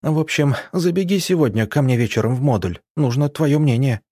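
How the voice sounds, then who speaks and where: A man's voice: mid-range voice, lively intonation, a little fast, mellow, no echo, studio quality, pitched above the performer's own voice, lightly acted. A man voicing a short, feisty young woman who is quarrelsome and mocking. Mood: teasing, scolding.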